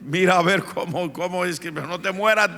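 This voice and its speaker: A man's voice: sits high, normal speed, bright, forceful tone. A man voicing frightened disciples pleading urgently with their master, in a reverberant church hall. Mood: panicked. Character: panicked fishermen disciples, adult men.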